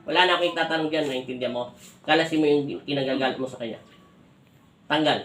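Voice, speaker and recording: A man's voice: fairly high pitch, steady tone, fast talker, a bit bright, soft background music. A man from the Philippines working as a folk healer, questioning and giving firm orders during a healing session. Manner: commanding, questions and orders repeatedly. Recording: echoey room with faint ambient noise.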